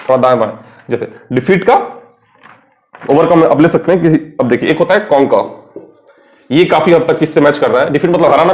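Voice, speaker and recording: A man's voice: fairly high pitch, darkish tone. A young Indian man teaching an English vocabulary lesson at a board, chatty and quizzing his viewers before answering himself. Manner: chatty, asks questions and answers them himself.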